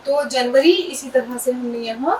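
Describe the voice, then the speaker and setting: A high-pitched woman teaches a classroom lesson, spelling words out one letter at a time. She speaks patiently and explains each point, set back from the mic with a faint hiss in the background. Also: a little mellow, distant mic, low-quality recording. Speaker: Urdu teacher.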